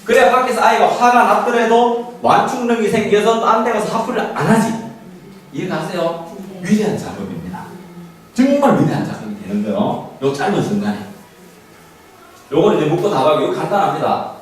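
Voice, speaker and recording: Man, parenting lecture, high lively voice, echoey hall, distant mic, faint background noise. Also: brisk. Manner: animated, acts out parent and child lines, laughs often. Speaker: parenting instructor. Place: lecture room.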